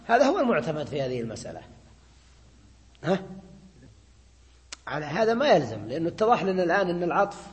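A man's voice: a little high, very animated, quick pace, pauses often, in a large hall. A man giving a classroom grammar lecture. He explains step by step, repeats his points and keeps checking in with students. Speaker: Arabic grammar teacher.

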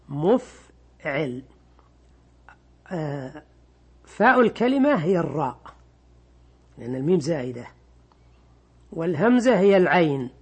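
A man teaching an Arabic grammar lesson, explaining slowly and repeating key words. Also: sits high, husky. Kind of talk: classroom lesson on grammar and Quran readings.

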